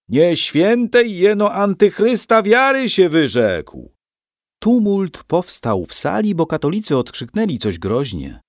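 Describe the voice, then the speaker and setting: Expressive male storybook narrator. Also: mid-range voice, no echo, clean studio sound. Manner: expressive, acts out the characters.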